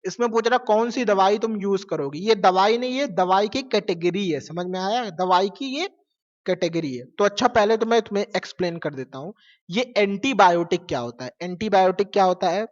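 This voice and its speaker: A man's voice: high voice, expressive, normal speed. A male science teacher giving a casual class lecture, asking questions and answering them himself, repeating key words and mixing in English terms. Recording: lo-fi with long reverb.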